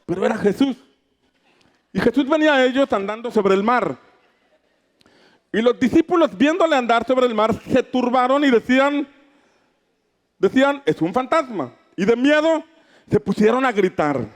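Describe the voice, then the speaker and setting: Fervent high-voiced preacher. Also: male voice, expressive, moderate pace, long pauses. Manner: fervent, declamatory, shouts for emphasis. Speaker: pastor. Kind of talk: sermon.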